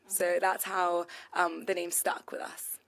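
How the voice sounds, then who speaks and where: A woman's voice: lowish voice, flat delivery, slow pace, gravelly. A young woman, a shop co-founder answering interview questions casually with many "um" and "like" fillers. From London. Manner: chatty, full of "um" and "like" fillers. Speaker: e-boutique co-founder and buyer.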